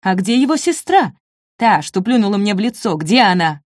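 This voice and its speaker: A woman's voice: mid-range voice, big pitch swings, moderate pace, no room sound, clean studio sound. Woman reading as a menacing German officer. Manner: threatening, contemptuous.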